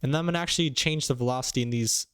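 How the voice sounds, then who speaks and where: A young man hosting a casual beat-making tutorial, upbeat and quick, humming drum patterns aloud between explanations. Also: medium pitch, slight background noise. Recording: loud music playing under the voice. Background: beats playing from the production software.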